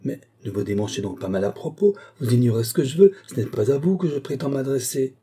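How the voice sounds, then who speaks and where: A man voicing a quiet curt young woman. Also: medium pitch, animated, quick pace, breathy edge, voice pushed up.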